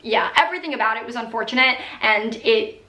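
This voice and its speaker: A woman in her early twenties casually answering viewer questions and telling stories, with animated, giggly girl-talk full of "like". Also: a little high, a little fast, reverberant, low-quality recording. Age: early 20s. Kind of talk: casual chatty Q&A storytelling.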